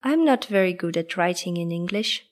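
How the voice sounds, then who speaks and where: A woman voicing a friendly teenage schoolgirl in a scripted textbook dialogue, speaking clearly and carefully. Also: on the low side, lively intonation, normal speed, natural voice.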